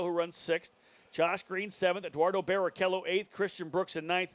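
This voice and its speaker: A man's voice: on the high side, no room sound. A man working as a motorsport commentator, giving live play-by-play and running through drivers and positions.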